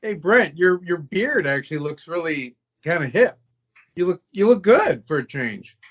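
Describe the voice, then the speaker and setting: A man's voice: high voice, very animated, normal speed. A man joining a podcast as a guest over a video call, ribbing the hosts in an easygoing way. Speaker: guest guitarist. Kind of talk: casual chat. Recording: muffled lo-fi video call audio.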